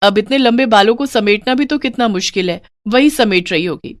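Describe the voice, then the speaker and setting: A woman doing a teasing sister-in-law, higher voice, fake sympathy, mocking, dry close sound. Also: fairly quick, no echo, close to an everyday voice. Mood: excusing.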